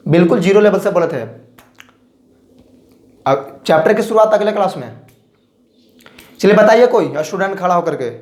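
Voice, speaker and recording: High-voiced, lively Bihari teacher. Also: male voice, echoey room. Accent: Bihari Hindi. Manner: lively, repetitive, joking with students. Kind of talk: classroom lecture. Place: classroom.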